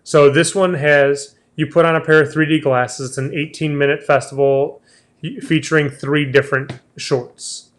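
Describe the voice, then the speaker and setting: A man's voice: a little high, flat delivery, normal speed. A man hosting a casual travel chat, talking in a chatty way and restarting his sentences often. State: has the hiccups. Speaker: travel show host.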